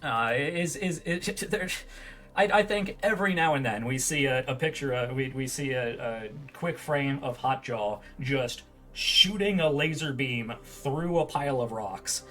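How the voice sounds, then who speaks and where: Man improvising as a halting game master. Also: mid-range voice, fairly bright tone, faint music behind. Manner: halting, self-correcting delivery. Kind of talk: improvised tabletop game narration.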